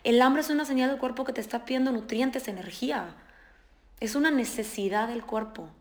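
Woman, nutritionist guest, lively explainer, slightly high voice. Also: a little fast. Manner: animated, explanatory, acts out patients' quotes. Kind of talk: casual podcast conversation.

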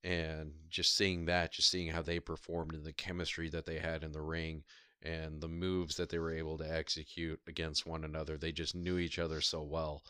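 A man in casual conversation, telling stories in a thoughtful, measured way with frequent ums. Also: a bass voice, little pitch movement, sharp tone, clear, resonant tone, no room sound, studio quality. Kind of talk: casual chat.

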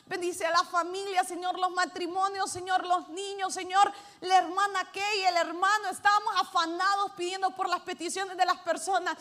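A woman pastor, preaching a sermon to her church, swinging between loud calls to the congregation and hushed asides. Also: extremely high pitch.

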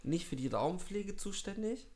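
Ein Mann als Co-Moderator eines Podcasts, der mit trockenen, absurden Sprüchen locker plaudert. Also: male voice, high voice, unhurried. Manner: deadpan quips, absurd jokes. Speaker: podcast co-host. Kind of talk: casual comedic chat.

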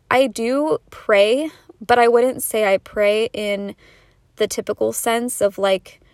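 A woman's voice: mid-range voice, dry recording. Young woman podcasting, kinda breathless, lots of likes and you knows, dry close mic. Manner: earnest, chatty, fillers like "like" and "you know". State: a bit out of breath from talking fast. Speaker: podcast host. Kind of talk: casual solo podcast monologue.

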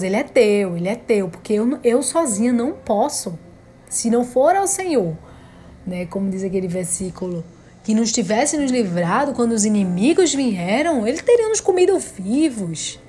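A woman's voice: mid-range voice, warm tone. A woman, a mother telling a devout, emotional story in a casual vlog. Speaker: mother and vlogger.

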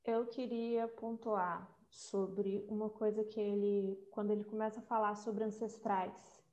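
A woman's voice: mid-range voice, level tone, a little slow, dark tone. Woman, dull muffled audio. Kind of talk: casual group discussion.

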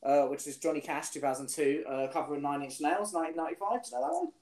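A man's voice: fairly high pitch, lively intonation, fast talker, a crowd in the background. A man hosting a podcast, chatting casually and quizzing his guest with many restarts and fillers. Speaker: podcast host. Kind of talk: casual chat. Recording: echoey room.

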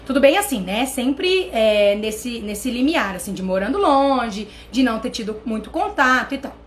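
A Brazilian woman with a Brazilian accent, hosting a channel and telling a personal story in an animated way, talking straight to her viewers. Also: fairly high pitch, normal speed, a little hiss or hum. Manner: animated, addresses viewers directly. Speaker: channel host.

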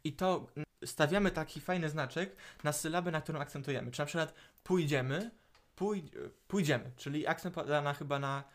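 Hesitant teenage podcast co-host. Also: male voice, fairly high pitch, fairly even intonation, fast, few pauses, a bit bright. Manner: hesitant, repeats words while thinking. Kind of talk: casual chat.

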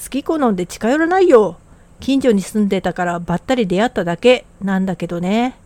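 A woman's voice: mid-range voice, lively intonation, fairly quick, darkish tone, no room sound. A woman co-hosting a podcast, talking in a blunt, casual, plain way. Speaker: podcast co-host.

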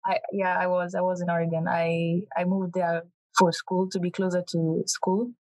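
A young woman from Kenya talks as a guest in a casual interview, animated and prone to restarting her sentences. Her voice sits a little low, and the recording is dry and close with no room sound. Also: normal speed, no echo, low-quality recording. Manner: animated, restarts often, laughs easily.

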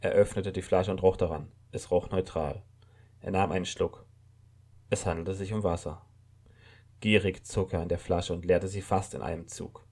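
A man narrating a short story in a calm, measured reading. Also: deep voice, vocal fry.

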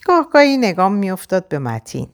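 A woman narrating a story in the first person, with a measured, expressive reading. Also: medium pitch.

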